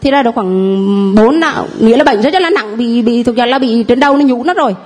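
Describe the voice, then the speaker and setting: A woman's voice: a little high, fairly quick, a little mellow. A woman telling the priest and congregation about healings, speaking hesitantly with many fillers. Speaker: congregant giving testimony. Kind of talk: spoken testimony.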